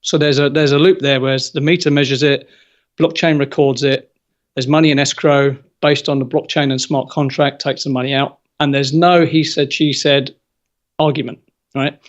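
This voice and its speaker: A man talking as a guest in a casual interview, lively and opinionated, full of colorful comparisons. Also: medium pitch, moderate pace, highs cut off.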